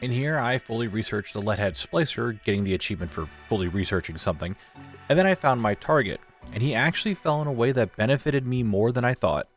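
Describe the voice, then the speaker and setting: Young man, casual gaming voice-over, mid-pitched, joking recap style, light background music. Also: expressive, fast talker. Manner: informal, joking, occasional swearing. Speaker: gaming video creator. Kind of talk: casual scripted gameplay recap narration.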